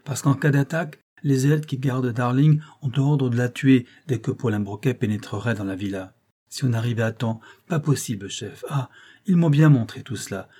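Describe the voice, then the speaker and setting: A faithful informant gives an urgent report to his detective chief, voiced by a man narrating. The tone is confiding and eager, with a husky, mellow grain. It suits a vintage crime story. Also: medium pitch, normal speed, lightly acted. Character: loyal male police informant reporting.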